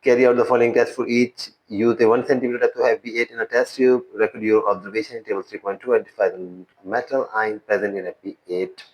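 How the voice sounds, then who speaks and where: Male chemistry teacher, lowish voice, very slow and deliberate, explaining lab steps to students. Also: little pitch movement, muffled recording. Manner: explains in a mix of Hindi and English, addressing students. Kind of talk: lab demonstration lesson.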